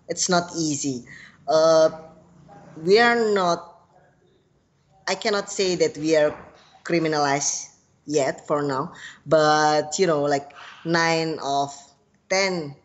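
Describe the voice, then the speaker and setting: A young man with an Indonesian accent, speaking to camera about his own life in a halting way, with many filler sounds. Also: fairly high pitch, muffled recording. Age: young adult. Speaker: activist. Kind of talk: personal testimony to camera. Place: outdoors in front of a tiled roof. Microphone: webcam-style close framing.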